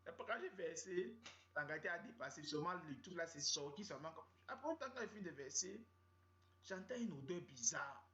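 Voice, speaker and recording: A man's voice: a little high, lively intonation, brisk, sharp tone. A man with a Cameroonian French accent telling a comic story in a rambling, slangy, repetitive way. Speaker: comedian storyteller. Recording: roomy, dull lo-fi sound.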